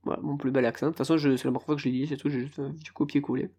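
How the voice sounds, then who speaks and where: A man's voice: mid-range voice, fairly even intonation, racing, warm tone. A man hosting a casual solo podcast, rambling and self-mocking as he stumbles over foreign team names. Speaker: podcast host.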